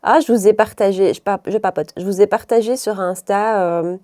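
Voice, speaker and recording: In studio-quality audio with no room sound, the Belgian beauty vlogger talks at a moderate pace in a mellow, mid-range voice with a mild Brussels French accent, chatting loosely through her makeup tutorial and frequently stopping herself to laugh.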